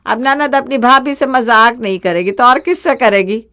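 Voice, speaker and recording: A woman voicing a bossy, scolding middle-aged mother-in-law in an animated story, talking loud and commanding. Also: fairly high pitch, moderate pace.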